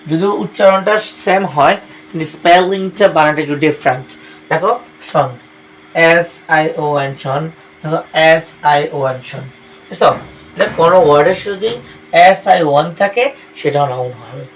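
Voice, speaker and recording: A man's voice: on the high side, slight background noise, rough recording. A male coaching teacher with a Bangladeshi Bengali accent, giving a classroom grammar lesson and drilling each word aloud with repeated checks for understanding.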